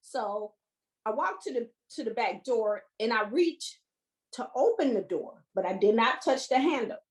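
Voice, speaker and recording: A woman tells a true story from her work at a substation, speaking to an online audience over a video call. She is animated and laughs between lines, and she acts out what she said at the time. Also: on the high side, unhurried, low-quality recording. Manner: animated storytelling, laughing at times, acting out her own past words. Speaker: transit substation worker. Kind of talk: personal story at a virtual event.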